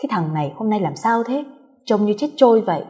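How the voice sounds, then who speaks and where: A woman's voice: medium pitch, lively intonation, quick pace, mellow, close to an everyday voice. Woman doing a naggy middle-aged mother-in-law, grumbling, echoey. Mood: scolding. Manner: grumbling, scolding. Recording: long hall reverb.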